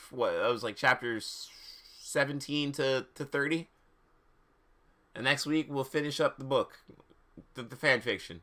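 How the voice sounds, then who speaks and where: A man with a sharp, medium-pitched voice hosts a livestream. As streamer and host, he moves between casual chat and a theatrical, dramatic reading of fan fiction.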